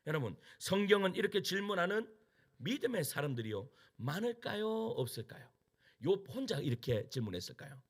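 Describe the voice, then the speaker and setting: A man's voice: sits high, big pitch swings, fairly quick. A male pastor preaching a sermon, questioning the congregation with emphatic delivery.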